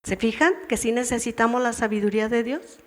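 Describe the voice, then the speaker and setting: A woman's voice: on the high side, steady tone, a little fast. A woman with a Mexican Spanish accent teaching a women's church meeting, asking her listeners question after question and acting out wives' replies. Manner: asks the audience many questions, acts out wives' replies. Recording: long hall reverb in a church.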